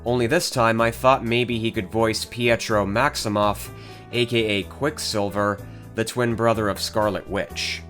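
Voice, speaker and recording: A man's voice: on the low side, steady tone, measured pace, a bit bright. A man reading scripted narration as the host of a video. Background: guitar music.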